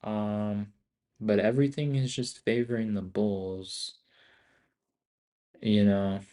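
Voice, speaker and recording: A man giving casual live trading commentary as a streamer, in loud, cocky, slangy finance-bro talk full of swearing and bro and dude. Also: lowish voice. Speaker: day trader hosting a live stream.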